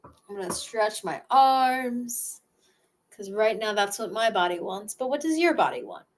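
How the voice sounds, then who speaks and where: She guides a leisurely relaxation exercise, speaking gently as herself and pausing for breaths and sighs. Her mid-range voice is very animated.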